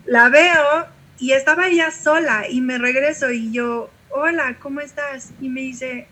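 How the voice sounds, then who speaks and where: Bright, high-voiced Mexican woman. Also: a little slow. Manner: animated, vivid retelling with quoted dialogue. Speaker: pastor and singer, guest. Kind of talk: conversational storytelling interview.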